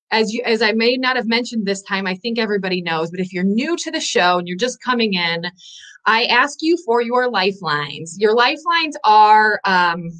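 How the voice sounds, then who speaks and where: A woman hosting a live good-news show, bubbly and enthusiastic, a little out of breath, rushing through her stories. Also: a little high, a bit bright. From Northwest Indiana. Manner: bubbly, enthusiastic, talks in quick bursts. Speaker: host.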